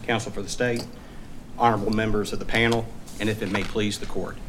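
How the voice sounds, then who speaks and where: A man arguing as a lawyer in court, speaking in a formal, measured and deferential way. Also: on the low side, level tone. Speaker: defense appellate lawyer. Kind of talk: formal oral argument. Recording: clearly noisy courtroom recording.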